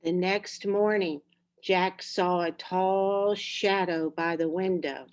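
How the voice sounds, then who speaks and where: Her pitch fairly low, a storybook reader narrates a scripted children's tale with deliberate, expressive delivery.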